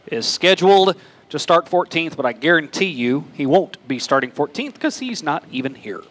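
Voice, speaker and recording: A man's voice: on the high side, animated, moderate pace, a bit bright. An American man working as a motorsport commentator, calling dirt track racing in fluent announcer patter full of racing slang. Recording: noisy outdoor racetrack, engine roar behind.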